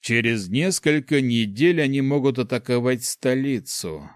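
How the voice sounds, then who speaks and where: A man's voice: medium pitch, lively intonation, unhurried, smooth, no room sound, clean studio sound, close to an everyday voice. A man reading a stern, impatient emperor who speaks curtly, in an audiobook. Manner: curt, displeased.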